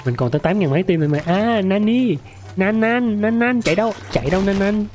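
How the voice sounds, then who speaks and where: A hoarse young man with a sore throat, excitedly commenting on a mobile game he is playing, yelping and repeating words. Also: high-pitched, a little fast, soft background music. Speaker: gaming streamer.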